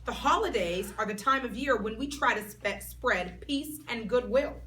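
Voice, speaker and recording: A woman reading aloud and voicing a patient male teacher who corrects and scolds calmly. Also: a little high. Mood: stern calm. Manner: calm, measured, corrective. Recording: voice a bit far from mic, faint background noise.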